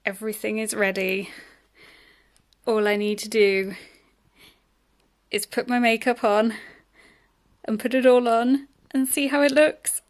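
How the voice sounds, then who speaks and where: A young woman talks to camera in a loose, chatty vlog. Her voice sits a little high, and she sounds bubbly and easily excited, peppering her speech with "um" and "like". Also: measured pace, long pauses. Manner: bubbly and excitable, many "um" and "like" fillers. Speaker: cosplay vlogger.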